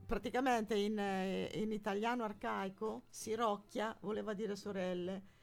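Ancona lady guest on radio, chatty, bit hesitant, soft music behind. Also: mid-range voice, fairly even intonation, a little slow, creaky. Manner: chatty, laughing, explains hesitantly. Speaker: studio guest. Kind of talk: casual radio chat.

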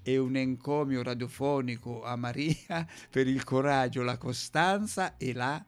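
A man's voice: mid-range voice, steady tone, unhurried, clear, resonant tone. Chatty anconetano radio host, man. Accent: Anconetano Italian. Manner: chatty, laughs often, dialect words. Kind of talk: casual radio chat, reading listener messages.

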